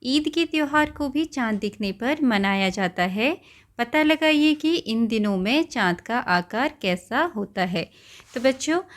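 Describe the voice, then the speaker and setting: Patient woman teaching young children. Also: on the high side. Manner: patient, repeats and explains words simply; often checks in with "okay" and "right". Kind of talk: explaining a textbook lesson to children.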